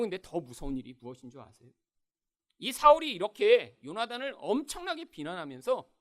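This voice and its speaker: Brief: male church pastor, emphatic sermon delivery, full of rhetorical questions, lively pitch. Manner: emphatic, keeps addressing the congregation with rhetorical questions.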